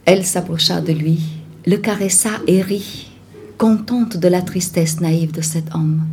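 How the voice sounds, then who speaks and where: A woman reading a novel aloud in a calm, measured way. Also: fairly low pitch, a little hiss or hum. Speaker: audiobook narrator.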